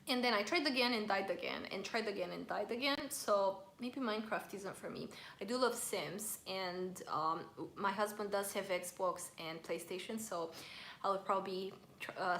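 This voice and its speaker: A woman chats casually with viewers in a live stream, reading out their comments as she eats. Her voice sits at a middle pitch. The room around her is echoey, with a faint hum in the background. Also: sharp tone. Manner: chatty, reads viewer comments aloud. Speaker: vlogger hosting a live stream. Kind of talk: casual live-stream chat while eating.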